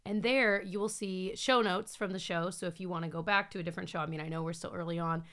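A woman's voice: lowish voice, fairly even intonation, quick pace, a bit bright. A young adult woman co-hosting a casual podcast, talking in a chatty, rambling way with plenty of fillers. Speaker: podcast co-host.

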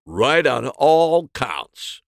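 Mystery audiobook cop played by a male narrator: terse, grudging, deliberate, gravelly. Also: medium pitch, big pitch swings, dry recording, clean studio sound, voice pushed up, heavily acted. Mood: dry approval.

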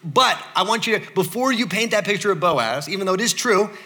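A man preaching a sermon as pastor, joking and conversational, with many asides and quick shifts into playful quoted voices. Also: high-pitched, expressive, bright, forceful tone. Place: church.

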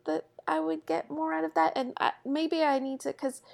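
A woman co-hosting a casual podcast chat, talking in a halting way and often restarting her sentences. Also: sits high, level tone, gravelly. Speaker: podcast co-host.

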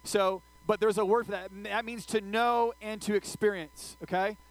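An adult youth pastor, older than his teen listeners, gives a casual sermon in a high voice with fairly even intonation at a moderate pace, in a rough recording. He checks in with them after nearly every sentence and tells funny personal stories, acting out his own screaming.

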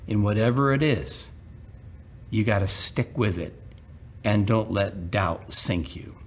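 A man preaching a sermon as a pastor, speaking with emphatic phrasing, dramatic pauses and acted-out quotations. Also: fairly low pitch.

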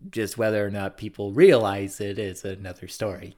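A man's voice: fairly low pitch, little pitch movement, normal speed, darkish tone. A man co-hosting a podcast, chatting casually with sarcastic jokes and mock-dramatic gasps. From North America. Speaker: podcast co-host. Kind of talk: casual chat.

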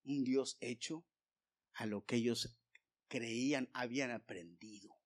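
A male pastor preaching a sermon, swinging from loud emphasis to hushed whispers and speaking straight to the congregation. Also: medium pitch, takes it slowly. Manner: addresses the congregation directly, asking for amens.

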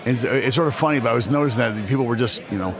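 A store owner in his fifties chats casually in an interview at a convention hall, with a busy crowd audible behind him. His medium-pitched voice races along as he rambles, repeating words when starting sentences.

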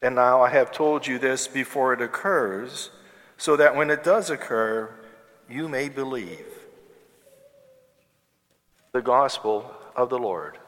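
Unhurried man reading scripture in cathedral echo. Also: mid-range voice, a bit bright. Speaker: clergyman reading the Gospel. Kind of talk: solemn liturgical scripture reading. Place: large church. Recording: echoey cathedral-like hall with long reverb.

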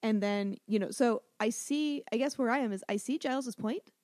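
A woman's voice: on the high side, normal speed, darkish tone, no room sound, studio quality. A woman co-hosting a podcast, chatting casually and agreeably, often trailing off with filler phrases. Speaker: podcast co-host. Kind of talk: casual chat.

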